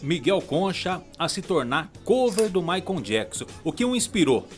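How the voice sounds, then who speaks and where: A man's voice: sits high, normal speed. A man hosting a radio interview, talking effusively and padding phrases with "é" and "né". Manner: lively, effusive, stretches words with "é" and "né". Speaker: radio host. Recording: radio studio with music bed.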